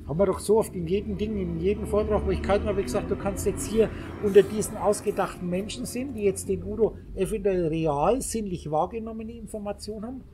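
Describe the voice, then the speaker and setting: A man's voice: high-pitched, brisk, few pauses, noisy background. A man giving a spiritual lecture to a small group, speaking emphatically and addressing his listeners directly. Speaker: spiritual teacher.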